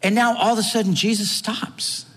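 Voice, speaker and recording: A man's voice: sits high, steady tone, normal speed, fairly bright tone, husky, long reverb tail. A man preaching a sermon and retelling a story vividly, with strong emphasis.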